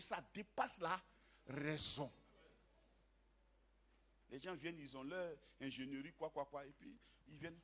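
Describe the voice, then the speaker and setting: A man preaching a sermon, swinging between shouted emphasis and quiet storytelling and coming back to a repeated refrain. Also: sits high, echoey room.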